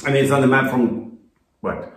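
A man's voice: medium pitch, normal speed, roomy sound. A middle-aged man chatting casually as co-host of a renovation vlog, telling stories with repeated words, recorded in a farmhouse living room. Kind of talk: casual chat.

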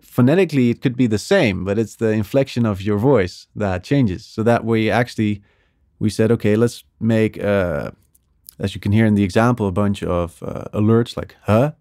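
Guy on a podcast, lowish voice, dry close sound, gets excited explaining stuff. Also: normal speed, no room sound. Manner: enthusiastic, explains with vocal sound examples. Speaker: strategy director at a music agency, podcast guest. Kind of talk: casual interview talk.

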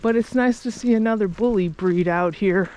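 A woman's voice: medium pitch, normal speed, warm tone. A middle-aged woman chatting casually and informally for a travel vlog. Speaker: vlogger. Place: outdoor forest trail, later small cabin kitchen. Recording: noisy handheld action-camera audio.

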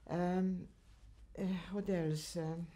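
At home in her living room, an older Polish woman who chairs a cultural association reminisces about her volunteer work in an interview, laughing often. She speaks in halting, non-native sentences with a Polish accent, her voice warm, fairly low, and fairly even in intonation.

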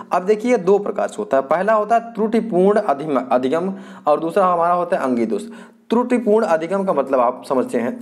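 In a high, darkish voice, a man lectures students preparing for an exam. He goes over points more than once, answers his own questions to the class, and frequently stalls and restarts.

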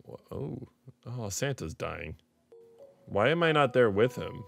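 A man's voice: medium pitch, very animated, unhurried, vocal fry, faint music behind. A young man giving casual gameplay commentary, crude and sarcastic, swearing often. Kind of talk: casual let's-play commentary.

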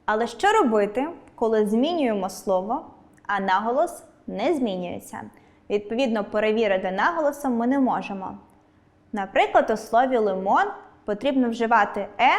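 A woman teacher giving a scripted online lesson, speaking clearly and stressing each example word. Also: on the high side. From Ukraine.

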